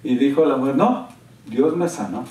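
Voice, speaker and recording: A man preaching a sermon as a pastor, telling a story and acting out what people said with an excited, animated delivery. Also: mid-range voice, normal speed. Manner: animated storyteller, quoting others with raised excited voice. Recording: roomy church sound, from a distance.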